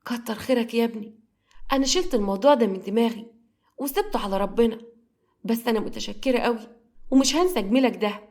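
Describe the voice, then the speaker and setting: A woman voicing a gentle, grateful older aunt in Egyptian Arabic. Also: a little high, lively intonation, fast. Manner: soft, thankful.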